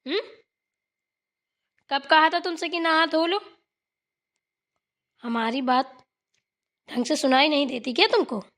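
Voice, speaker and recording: A woman voicing a scolding middle-aged village mother-in-law in a cartoon, sharp and nagging. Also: high-pitched, slow, pauses often. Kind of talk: cartoon voice acting.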